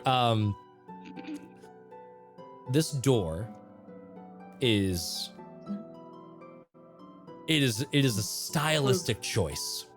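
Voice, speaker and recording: Game master running a fantasy tabletop game, mid-pitched, playful then deliberate, music in the background. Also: expressive. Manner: playful, alternating banter and deliberate scene description.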